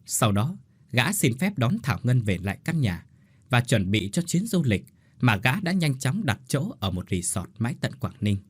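A man narrating a scripted story in an expressive, dramatic way. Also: mid-range voice, moderate pace, breathy edge, no echo.

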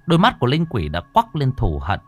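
A man narrating a horror story in a slow, expressive, dramatic manner. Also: mid-range voice.

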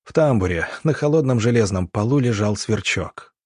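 A man reading a story aloud in scripted audiobook narration, steady and even. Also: fairly low pitch, moderate pace, husky, dry recording, clean studio sound.

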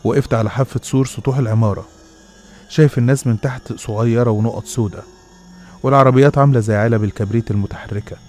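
A male horror storyteller with an Egyptian accent tells his tale in the first person, dramatic and confessional. His voice is dark and mellow at a middle pitch, with faint music underneath. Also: fairly even intonation, fast.

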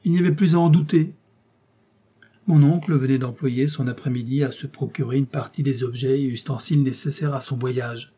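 A man narrating a classic novel as an audiobook, measured and expressive storytelling. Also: mid-range voice, husky.

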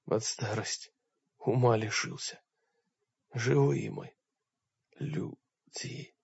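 A man doing a hoarse, dying warrior. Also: medium pitch, slow pace, no room sound, dull audio. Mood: fading. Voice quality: hoarse, rasping. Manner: gruff, curt. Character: hoarse, badly wounded male warrior.

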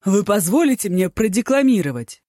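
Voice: mid-range voice, big pitch swings, moderate pace, a little mellow, dry recording, studio quality, pitched above the performer's own voice, natural voice. A narrator voicing a flamboyant, tipsy male poet who is effusive and theatrically pleased with himself. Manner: effusive, theatrical, self-satisfied.

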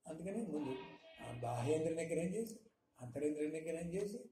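A man giving a spiritual discourse, teaching with frequent rhetorical questions in a measured, emphatic manner. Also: fairly high pitch, animated, warm tone, faint music behind. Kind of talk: satsang discourse. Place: hall in Hyderabad. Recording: echoey room, faint noise.

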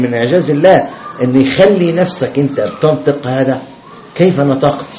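A man's voice: medium pitch, darkish tone. Man teaching a class in a roomy hall. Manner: repeats questions to the class, many fillers and restarts. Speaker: sheikh teaching new Muslims. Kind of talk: religious lesson. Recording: dull roomy classroom recording with faint noise.

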